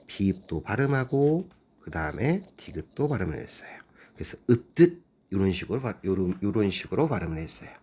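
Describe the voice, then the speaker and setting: Male teacher, lively and husky, lecturing a class and quizzing students as he goes. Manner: explains step by step, asks the class questions; lively, animated pitch. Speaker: Korean language teacher.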